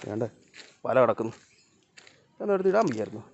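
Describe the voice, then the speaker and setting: This vlogger's mid-range voice swings widely in pitch, carries vocal fry, and moves fast. He chats to the camera on an outdoor walk by flooded fields, calling his dog and cats after him, and the sound is dull.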